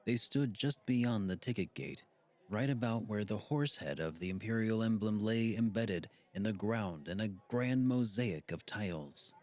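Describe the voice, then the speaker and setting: A male audiobook narrator with a lowish voice, reading in a steady, measured way. His delivery is even and deliberate, and it carries the story forward calmly. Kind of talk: scripted narration.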